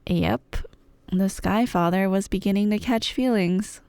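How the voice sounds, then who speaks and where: A woman with a mid-range, dark, clear and resonant voice, touched with vocal fry, speaks at an unhurried pace in a studio-quality recording with no echo. She's an audio roleplay performer playing a chatty, playful, nerdy girlfriend, rambling through myths in a wry, irreverent, slangy way as casual storytelling for a scripted ASMR roleplay.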